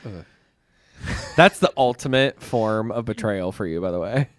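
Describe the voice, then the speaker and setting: A man's voice: on the low side, lively intonation, moderate pace, no room sound, clean studio sound. Laughing, teasing male podcast co-host. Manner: laughs often, teasing, trails off quietly. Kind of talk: casual chat.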